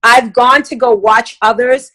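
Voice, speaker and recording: A middle-aged woman coaching on sales in a chatty, emphatic way, her voice sitting a little high. She talks straight to her listeners and now and then slips into customer voices to make a point. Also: fairly even intonation, measured pace, pushed and bright, poor audio. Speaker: sales trainer. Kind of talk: casual instructional talk.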